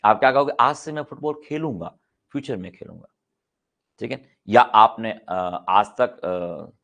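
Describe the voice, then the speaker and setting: Creaky-voiced male grammar teacher. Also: on the low side, measured pace, a bit bright. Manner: explains by asking questions and answering them himself; repeats example sentences several times for practice. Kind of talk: classroom-style lecture.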